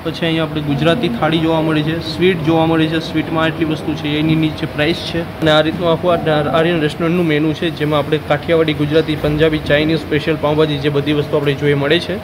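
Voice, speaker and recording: A chatty man in his thirties talks through a restaurant meal for his food vlog, his voice sitting a little high. He lists dish after dish as he eats. Steady background noise fills the roadside dining hall. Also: quick pace, hardly any pauses. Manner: chatty, calls viewers brother, lists dishes. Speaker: food vlogger.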